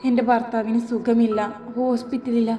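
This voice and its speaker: A woman's voice: on the high side, level tone, moderate pace, mellow, natural voice. A woman voicing a young wife who prays tearfully in despair, faint music behind. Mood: grieving. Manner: tearful, imploring prayer.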